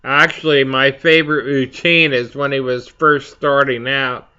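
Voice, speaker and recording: A man hosting a casual, rambling chat for viewers, speaking haltingly as he searches for his words. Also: mid-range voice, little pitch movement, pushed and bright, smooth, lo-fi sound. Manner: halting, slow to find words. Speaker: pipe hobby video host.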